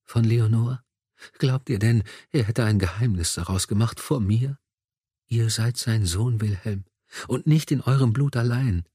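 A man's voice: medium pitch, measured pace, dark tone, breathy edge, no echo, clean studio sound. A man voicing a weak, feverish noblewoman who pleads in a breathless whisper, in an audiobook. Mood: tender. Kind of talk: audiobook dialogue.

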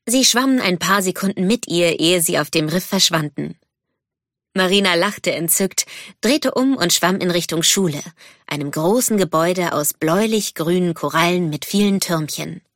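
A woman narrating a children's story in a calm, even storytelling manner. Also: fairly low pitch, moderate pace, no echo, studio quality.

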